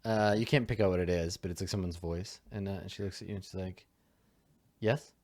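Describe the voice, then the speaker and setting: A man's voice: low voice, steady tone, fast talker, a little mellow. A man running a tabletop role-playing game as game master, narrating in a loose, rambling way with many fillers.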